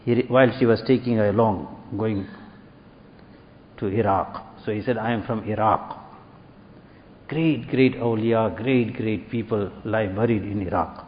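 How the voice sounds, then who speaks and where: Low-voiced male preacher in an echoing hall. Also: unhurried, a little hiss or hum. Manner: retells quoted dialogue with rising emphasis. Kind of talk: sermon storytelling. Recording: dull lo-fi recording with long hall reverb.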